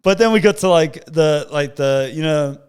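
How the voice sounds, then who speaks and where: A man's voice: fairly high pitch, moderate pace, smooth. A man with an Australian accent hosting a podcast, chatting casually and swearing as he tells stories. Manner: swearing, laughing storyteller. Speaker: podcast host. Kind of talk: casual chat.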